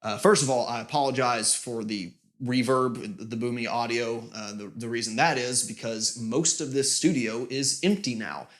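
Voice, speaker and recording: A man casually giving a channel update with lots of fillers, his voice booming with reverb in a nearly empty studio room. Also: normal speed, hardly any pauses. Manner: rambling, many fillers and restarts. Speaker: music channel host.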